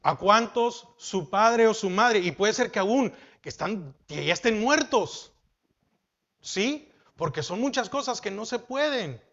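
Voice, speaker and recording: A man preaching a sermon as pastor, asking the congregation questions and dropping from loud emphasis to soft. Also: high-pitched, lively intonation, a little slow, muffled recording.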